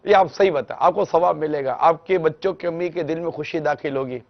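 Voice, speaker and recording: A man answering a caller's question on a religious talk show, explaining gently and instructively and acting out small household exchanges. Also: a little high, muffled recording. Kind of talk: televised religious advice talk.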